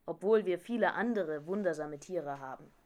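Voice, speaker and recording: A curious king from hot desert lands, eager and full of wonder at everything new. A woman voices him while reading a storybook aloud. He speaks with lively, wide-eyed eagerness. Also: lowish voice, moderate pace, natural voice.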